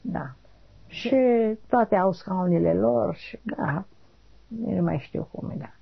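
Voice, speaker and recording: A woman, being interviewed for an oral history, talking haltingly, repeating short affirmations and trailing off quietly. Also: lowish voice, lively intonation, gravelly, slightly rough. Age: 80s. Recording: dull lo-fi recording.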